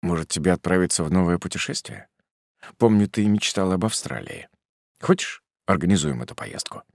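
A man voicing a guilty young man calmly ending his engagement, speaking quietly and firmly. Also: low-pitched, fairly quick, gravelly, no echo, studio quality, full character voice. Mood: subdued, firm.

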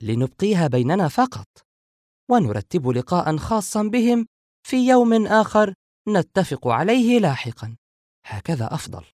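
A man's voice: high-pitched, very animated, fast talker, dry recording, studio quality, voice pushed up. A man voicing an older woman, a grandmother who teases her brothers and frets over them in an audiobook. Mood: teasing. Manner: teasing, then anxious and insistent. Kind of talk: audiobook character voice.

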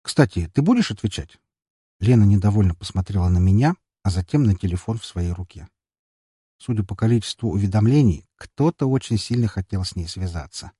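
A man reading a first-person audiobook story with expressive narration. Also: on the low side, a little fast, husky, no echo, clean studio sound.

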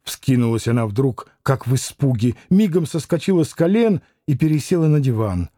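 Mellow male audiobook narrator. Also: mid-range voice, sing-song, moderate pace, no room sound, studio quality. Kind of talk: scripted narration.

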